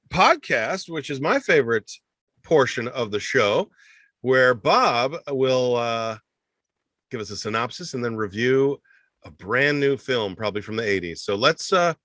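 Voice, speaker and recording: A man's voice: mid-range voice, animated, normal speed, pushed and bright, dry recording. A man co-hosting a comedy podcast, chatting casually and laughing a lot. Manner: laughs a lot, introduces segments. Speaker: podcast co-host.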